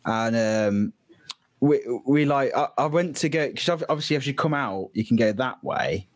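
A man co-hosting a podcast, telling stories in a casual, animated way and laughing often. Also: mid-range voice, moderate pace, no echo. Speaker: podcast co-host. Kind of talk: casual chat.

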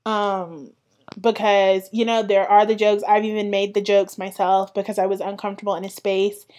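A woman's voice: mid-range voice, level tone, moderate pace, darkish tone. A young woman hosting her own podcast, talking through casual solo commentary with emphatic, sassy asides. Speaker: podcast host.

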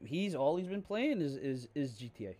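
A man with a slightly higher voice chats on a gaming podcast through a podcast mic. He talks haltingly and keeps restarting his sentences and reaching for fillers. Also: big pitch swings, mellow. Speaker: podcast co-host. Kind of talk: casual gaming podcast chat.

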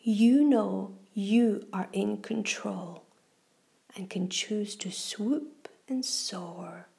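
A children's relaxation show host, a woman with a mid-range voice, reads a guided meditation. She uses a soft, breathy half-whisper and unhurried, soothing phrasing.

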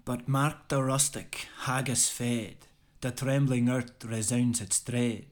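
Irish bloke in a put-on Scottish voice; declaims old verse with a theatrical roll. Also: male voice, medium pitch, slow pace, natural voice. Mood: declaiming. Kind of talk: poetry recital.

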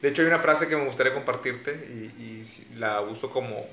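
A man's voice: medium pitch, fast talker, bright, forceful tone, slight background noise. A man from Mexico in casual chat, earnest and reflective as he talks about courage. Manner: earnest, reflective, sharing a personal motto. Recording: echoey room with faint ambience.

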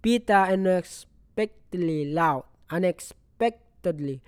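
Slow halting reader. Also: medium pitch, clear, resonant tone, no echo, clean studio sound. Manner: slow, halting reading with restarts. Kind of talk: reading a novel aloud.

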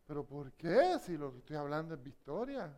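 A woman preaching a sermon with passion, swinging between hushed questions and loud, emphatic passages. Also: low voice, big pitch swings, normal speed.

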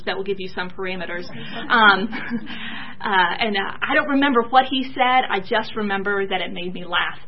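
A soft-spoken young woman from Georgia, giving a church talk about her mission teaching and pausing often with fillers. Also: medium pitch, muffled recording, slight background noise.

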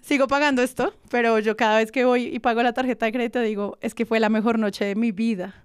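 A woman, co-hosting a podcast and gushing excitedly in casual chat. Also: fairly high pitch, fast talker, clean tone, no echo, studio quality. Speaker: podcast co-host.

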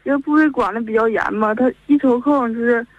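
On a dull, lo-fi phone line, a Northeastern Mandarin-accented woman in her twenties calls in and rambles through her tale, connecting things with "and then." Her voice is on the high side and fairly quick, with no echo.

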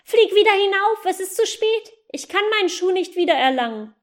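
A woman's voice: very high-pitched, moderate pace, voice pushed up. A woman voicing a small boy who has dropped his wooden shoe while flying on a gander. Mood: frantic.

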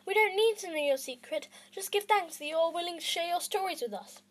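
A woman's voice: very high-pitched, moderate pace, pitched above the performer's own voice. A woman voicing a spirited, indignant young girl in a storybook reading, speaking in an impassioned, protesting way.

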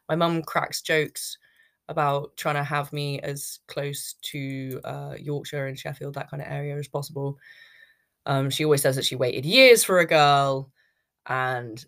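A woman's voice: deep voice, a bit bright. Chatty, rambling British woman podcaster. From United Kingdom. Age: 30s. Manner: rambling, chatty, self-interrupting. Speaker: podcast host. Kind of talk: casual unscripted personal storytelling.

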